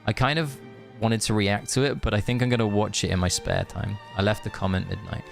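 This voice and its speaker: With game music going in the background, this man streams a game, wandering through joking side comments and reading lines of story dialogue aloud. He speaks a little fast in a lowish, steady voice with vocal fry.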